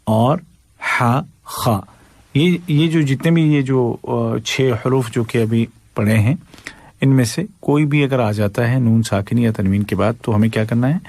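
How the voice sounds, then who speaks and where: A man teaching Quran recitation, patiently explaining pronunciation rules and demonstrating each verse in a slow, drawn-out chant. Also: mid-range voice, mellow, dry recording.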